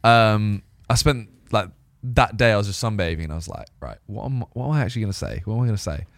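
A man's voice: fairly low pitch, fast talker, no room sound. A young man co-hosting a podcast, chatting casually, laughing often and acting out quoted dialogue. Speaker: podcast co-host. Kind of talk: casual chat.

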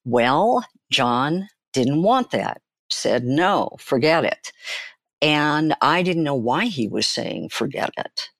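An older woman, a therapist and author, tells personal stories as an interview guest. She speaks slowly and deliberately with emphatic pauses and a highly animated pitch, and the recording is close and dry with no echo.

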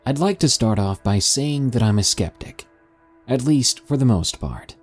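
A man's voice: mid-range voice, expressive, a little slow, soft background music. A man hosting and reading scripted material in the manner of a storyteller. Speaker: host and narrator of listener-submitted scary stories.

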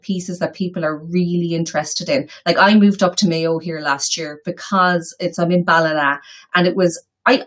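A woman's voice: on the low side, a bit bright. A woman from the west of Ireland with a local accent, talking casually and chattily as an interview guest. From Galway, west of Ireland. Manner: chatty, informal, colloquial.

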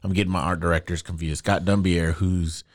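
A man's voice: deep voice, little pitch movement, brisk, no echo, studio quality. A man co-hosting a comics podcast in casual chat, easygoing and explaining details at length. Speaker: podcast co-host.

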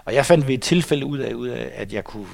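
Guest, older man in his 60s, reflective and halting with many pauses and restarts. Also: medium pitch, gravelly. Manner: hesitant, many fillers and restarts. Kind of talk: reminiscing interview talk. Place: studio.

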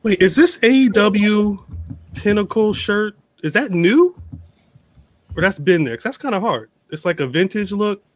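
A man hosting a podcast in casual chat, animated, laughing often and repeating words as he talks. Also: sits high, measured pace. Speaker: podcast host.

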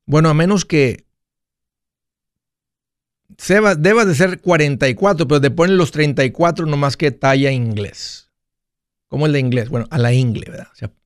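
A man's voice: a little high, no room sound, clean studio sound. A man hosting a casual monologue, playful and jokey, often restarting mid-phrase. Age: 40s. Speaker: radio finance host.

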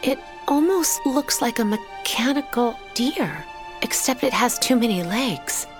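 A woman voicing a calm young queen with ice powers who talks in a composed, reassuring way in an audio drama. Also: a little high, measured pace. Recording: studio audio drama with music.

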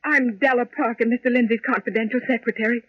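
An actress playing an excitable, frightened young secretary in a 1950s radio drama. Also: female voice, fairly high pitch, quick pace, no room sound, close to an everyday voice. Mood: anxious. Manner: breathless, excitable. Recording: dull old radio recording.

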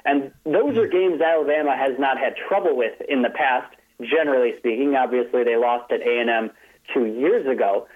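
A man phones in to a radio show as a guest analyst, chatty and relaxed, often doubling back on his words. The line is thin and phone-like, cutting off the low and high end. His pitch sits in an ordinary middle range for a man. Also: moderate pace. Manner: chatty, restarts phrases, light laughs. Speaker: sports writer guest. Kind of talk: casual call-in analysis. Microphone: telephone.

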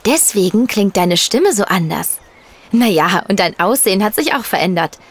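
A wise female unicorn guardian, played by a woman in a children's audio drama. She explains things patiently, her voice rising and falling brightly. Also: medium pitch, animated, moderate pace. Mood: welcoming.

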